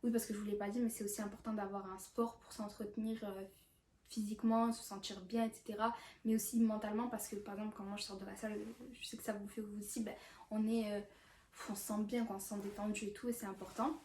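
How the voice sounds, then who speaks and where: Speaking fast with a flat, slightly mellow mid-range voice, a young woman vlogs about bettering yourself, stumbling through plenty of fillers and restarts. It's a casual self-help video recorded with a distant mic in an echoing room with light background hiss.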